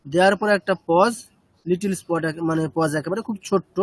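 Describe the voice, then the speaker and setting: A man's voice: high-pitched, a little fast, no room sound. A man teaching a chanting class, explaining step by step and checking with short questions.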